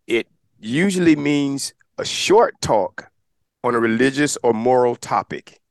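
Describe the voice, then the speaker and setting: A man hosting a podcast chat whose pitch swings up and down as he jokes and laughs. He addresses listeners like an announcer. The sound is dry and close. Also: expressive, measured pace, creaky, no room sound. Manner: playful, laughs often, announcer-like asides. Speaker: podcast host. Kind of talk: casual chat.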